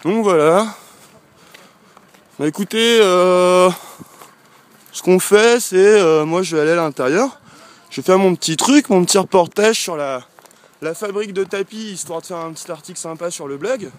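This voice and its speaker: A Frenchman vlogging his travels walks through a village, talking to a camera in his hand. His voice sits high, his speed is normal, and his casual, rambling chat is full of hesitation and long pauses.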